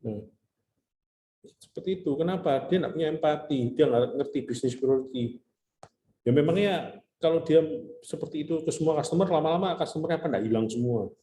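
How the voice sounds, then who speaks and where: A man's voice: fairly high pitch, brisk, mellow, a little hiss or hum. Chatty male lecturer, echoey room. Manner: chatty, mixes in English terms, tells anecdotes. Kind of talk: casual classroom lecture.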